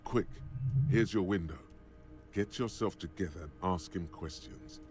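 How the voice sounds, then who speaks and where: An actor playing an ominous male inner-voice narrator who speaks in deadpan, mocking second person in a video game. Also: low voice, measured pace. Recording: game music behind.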